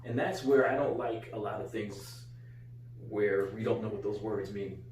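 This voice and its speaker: A middle-aged American co-host, a father, chats casually from a small living-room couch and repeats phrases for emphasis. His voice sits on the low side, fairly even in intonation, a little slow and a little mellow. Picked up by a distant mic, it sounds roomy and off-mic with a faint hum.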